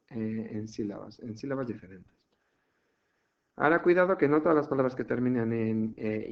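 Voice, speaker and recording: Patient teacher man, muffled. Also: medium pitch. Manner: patient, explains step by step, checks in often with "¿vale?". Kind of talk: recorded language lesson. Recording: muffled lo-fi home recording.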